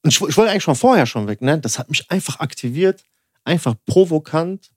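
A young podcast co-host tells a rambling story in casual conversation, packed with filler words like "so" and "ne," and he acts out both sides of the dialogue in quotes. His fairly high voice is expressive and a little fast. The recording is dry and of studio quality.

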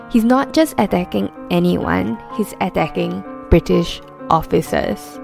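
A woman's voice: on the low side, creaky. A woman podcast host telling a true-crime story conversationally, with chatty asides and rhetorical questions. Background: faint music.

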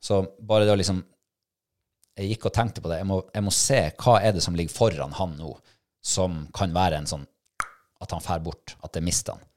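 A middle-aged man, telling a hunting-trial story in a casual chat and acting out his own thoughts and shouts. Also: sits low, fairly even intonation. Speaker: podcast co-host, hunting dog handler.

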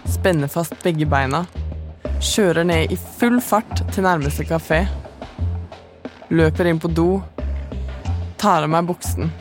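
A woman, the podcast's narrator, telling her own story in calm, measured, scripted first-person narration. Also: low voice, over music.

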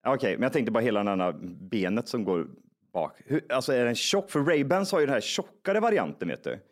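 In a casual podcast chat, a young man with a medium-pitched voice tells a long story, animated and full of swearing, acting out the people he quotes.

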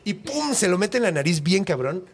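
A man's voice: high-pitched, moderate pace, vocal fry, breathy edge. A man with a Mexican accent hosting a podcast, telling a story casually with lots of slang and swearing. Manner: slangy, profane, animated. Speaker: podcast host.

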